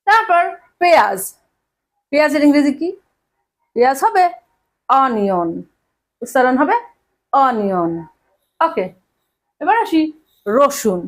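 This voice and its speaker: A woman from Bangladesh teaching vocabulary to her students, repeating each word and quizzing them as she goes. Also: high-pitched. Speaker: English teacher. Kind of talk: vocabulary lesson addressing students.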